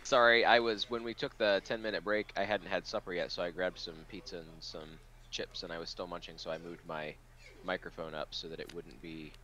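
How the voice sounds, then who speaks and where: A man's voice: low-pitched, fairly even intonation, fairly quick, pushed and bright, highs cut off, slight background noise. A man playing a board game over voice chat, friendly and apologetic, laughing easily.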